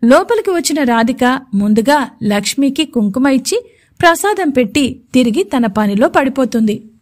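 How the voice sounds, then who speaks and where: A woman with a high voice narrates a romantic audio story. Her delivery is steady and expressive in a scripted storytelling manner. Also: moderate pace.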